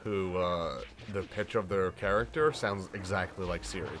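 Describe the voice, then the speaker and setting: A man's voice: low-pitched, fairly even intonation, normal speed, a bit bright. A young American man co-hosting a gaming channel, chatting casually over gameplay in a playful, teasing way.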